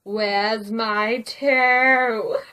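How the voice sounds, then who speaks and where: A woman voicing a groaning, ghostly creature that is hunting for its lost toe, with slow, drawn-out, moaning calls. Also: on the high side, fairly even intonation, pushed and bright, smooth, exaggerated voice. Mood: eerie.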